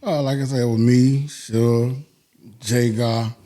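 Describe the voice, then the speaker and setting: A man's voice: mid-range voice, steady tone, takes it slowly, warm tone. A man from New York and Georgia chatting casually as an interview guest, slangy, often adding you know what I mean. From New York, then Georgia from about age eleven. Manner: slangy, often tags phrases with 'you know what I mean'. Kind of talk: casual street-talk chat.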